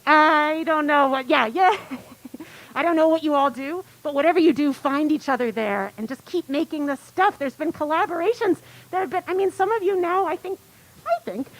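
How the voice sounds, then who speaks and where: A woman's voice: sits high, a bit bright, low-quality recording. A woman organizer making rambling, bubbly, self-deprecating conference announcements. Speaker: event organizer.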